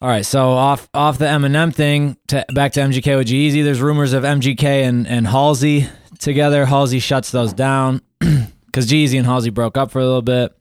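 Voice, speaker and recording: A man's voice: medium pitch, level tone, a little fast, hardly any pauses, clear, resonant tone, no room sound, clean studio sound. A man co-hosting a casual podcast, recapping news with fillers and restarts. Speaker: podcast co-host.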